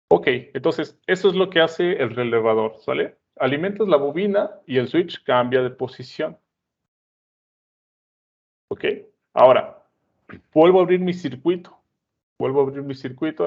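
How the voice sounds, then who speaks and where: A man's voice: mid-range voice, gravelly. A man explaining a lesson at a board, chatty, often checking in with his listeners. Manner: conversational, checks in with "¿sale?" and "¿no?". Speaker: teacher. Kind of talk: explaining at a whiteboard. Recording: dull lo-fi sound.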